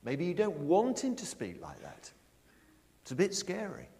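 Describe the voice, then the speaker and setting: A middle-aged man preaching a sermon, asking his congregation questions and stressing his words slowly. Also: a little high, vocal fry. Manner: lively, questioning the congregation, slow emphatic phrasing. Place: church. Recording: long church reverb.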